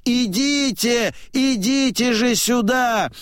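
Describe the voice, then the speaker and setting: A man voicing a grim, commanding old man who shouts orders as he leads a prisoner to execution, in an audiobook. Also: very high voice, slow, dry recording, studio quality, pitched above the performer's own voice, exaggerated voice. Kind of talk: audiobook character voice.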